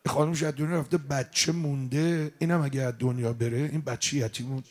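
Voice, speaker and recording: A man's voice: mid-range voice, steady tone. A man preaching in a mosque gathering, telling devotional stories with passion and speaking directly to the congregation. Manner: impassioned, addresses the congregation directly. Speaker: religious eulogist preacher. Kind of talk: emotional sermon storytelling.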